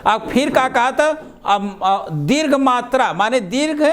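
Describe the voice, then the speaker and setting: A male teacher giving a classroom lesson with a slight tinge, speaking patiently and repeating words slowly for his students. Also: very high-pitched, lively intonation, fairly bright tone. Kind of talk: classroom lecture.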